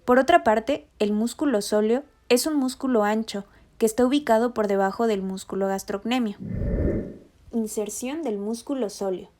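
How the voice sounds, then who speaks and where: Mellow woman reading anatomy lessons. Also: fairly high pitch, normal speed. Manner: even, methodical reading of anatomy terms. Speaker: rehabilitation instructor. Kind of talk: scripted educational narration.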